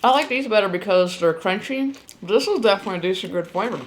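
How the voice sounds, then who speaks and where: A woman's voice: mid-range voice, animated, fast. Woman chatting through a snack review, background noise. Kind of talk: casual chat, food tasting review.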